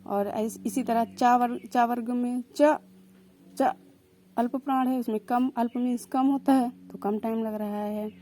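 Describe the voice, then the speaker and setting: Female teacher, young adult, patient and repetitive delivery, warm tone. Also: fairly high pitch, fairly even intonation. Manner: repeats and spells out sounds slowly, explaining patiently. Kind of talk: exam-prep lesson explaining consonants.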